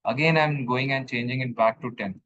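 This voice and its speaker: A man's voice: medium pitch, normal speed, a bit bright, highs cut off. Man teaching over a screen-share recording. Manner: explanatory, checks in with the student. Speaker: instructor. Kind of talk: statistics coding lesson.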